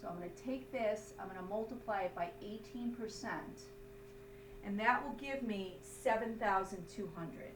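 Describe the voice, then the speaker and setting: At a moderate pace and medium pitch, this female accounting teacher lays out the material step by step, with emphatic, instructive delivery and regular comprehension checks. The mic is distant, the sound roomy, and there's a faint hum in the background.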